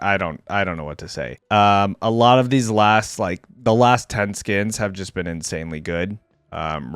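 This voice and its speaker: A gaming fan gives casual, unscripted reaction commentary, slangy, thinking out loud and second-guessing himself. His lowish voice is smooth, recorded with studio quality and no echo.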